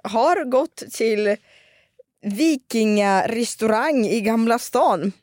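Woman podcast host from Dalarna, casual chat, fairly high voice, dry close sound, animated storyteller. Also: no room sound. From Dalarna, Sweden. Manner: animated storytelling with many restarts and fillers.

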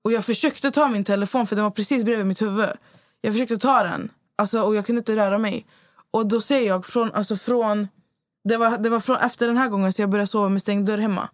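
Young woman guest, middle pitch, dry close sound, halting and searching for words. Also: fairly even intonation, no room sound. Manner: halting, many fillers and restarts. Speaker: podcast guest. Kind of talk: casual podcast chat.

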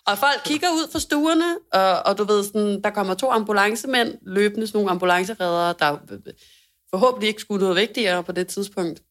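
A young woman co-hosting a casual chat, telling a story in an animated way, swearing freely and acting out quotes loudly. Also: medium pitch. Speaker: podcast co-host.

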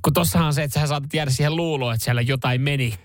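A man co-hosting a morning radio show, chatty and interjecting as he reasons out loud. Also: on the high side, no echo, studio quality, soft background music. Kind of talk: casual radio chat. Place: radio studio. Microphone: studio microphone.

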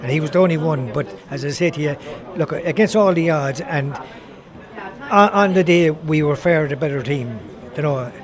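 An older man with an Irish accent shares anecdotes in a casual interview. He rambles and repeats himself in a slightly high voice. A crowd is clearly audible around him. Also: moderate pace. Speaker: former footballer being interviewed.

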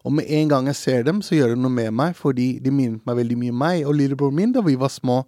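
A man's voice: medium pitch, mellow, dry recording, studio quality. A young man, a comic creator, telling a story in an interview in an earnest, reflective way with many hesitations.

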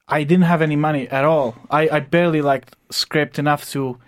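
A man's voice: fairly high pitch, fairly even intonation, normal speed. A young man from Croatia with a Croatian accent, a guest on a radio interview, telling his story steadily with some fillers. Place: radio studio.

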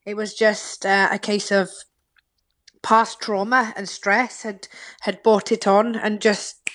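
A Welsh-accented woman from Lincolnshire, England, chats slowly and flatly as a radio phone-in guest, her mid-range voice fairly bright. Casual and talkative, she uses plenty of ums and laughs easily.

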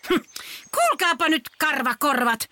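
A woman's voice: high-pitched, big pitch swings, bright, forceful tone, exaggerated voice. A woman voicing a cranky old Easter witch in a children's audio story, grumbling and bossy. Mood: grumpy.

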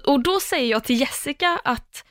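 A young woman chatting casually on a podcast, telling an animated story full of fillers and restarts. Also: high-pitched, no room sound, studio quality. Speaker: podcast host.

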